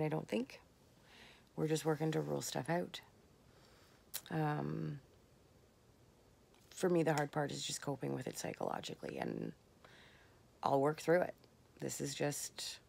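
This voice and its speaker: A woman talking candidly in a late-night personal vlog, tired and slurring her words, rambling with soft pauses. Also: low-pitched, vocal fry. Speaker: vlogger.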